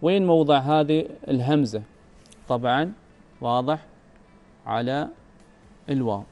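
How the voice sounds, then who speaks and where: A man's voice: mid-range voice, unhurried, darkish tone, dull audio. A man with an Omani Arabic accent teaching a recorded grammar lesson, patiently repeating his questions to the student. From Oman.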